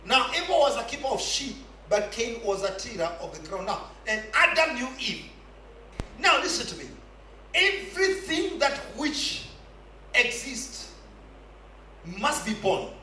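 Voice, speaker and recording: A man preaching a sermon, calling for responses from the congregation and often shouting his points. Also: very high-pitched, sing-song, measured pace, far from the mic, a little hiss or hum. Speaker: pastor. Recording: echoey hall, voice away from the mic.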